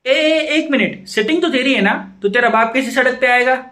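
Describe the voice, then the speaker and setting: A man's voice: very high-pitched, moderate pace, pushed and bright. A man playing a young best friend who answers with short, teasing replies in a comedy sketch. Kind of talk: Hindi comedy sketch dialogue.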